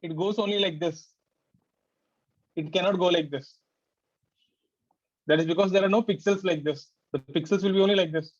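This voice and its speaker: A man's voice: sits high, normal speed, pauses often, muffled recording. A man teaching a class, explaining things conversationally and peppering students with rhetorical questions.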